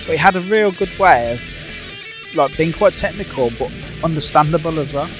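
A man's voice: on the high side, expressive, normal speed, music in the background. A British man hosting a podcast, chatting casually and with enthusiasm. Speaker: podcast host. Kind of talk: casual chat.

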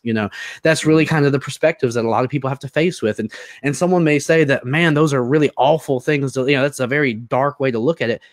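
A man in an interview telling his own story, earnest and halting, often repeating words as he searches for them. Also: mid-range voice, dry recording, clean studio sound. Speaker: interview guest. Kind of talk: personal testimony in an interview.

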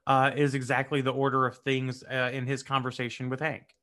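A man's voice: mid-range voice, completely flat delivery, a little fast, pushed and bright. A man co-hosting a podcast, joking and rambling casually about his own kids. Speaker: podcast co-host and father. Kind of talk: casual chat.

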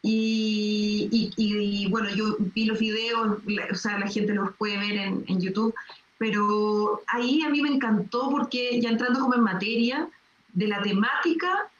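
A woman hosting a studio interview, asking halting questions full of restarts. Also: medium pitch, roomy sound, dull audio. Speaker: host.

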